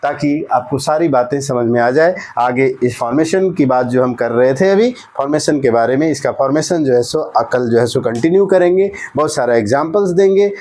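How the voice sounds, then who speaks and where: A man explaining an English grammar lesson in a relaxed way, often asking a question and then answering it himself, with frequent "okay?" check-ins. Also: mid-range voice, a little fast, few pauses. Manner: repeats "ठीक है ना" often, asks and answers his own questions.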